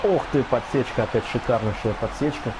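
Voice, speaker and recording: A man giving excitable wrestling commentary over video game play, exclaiming and repeating his phrases. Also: medium pitch, fairly quick. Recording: clear background game noise.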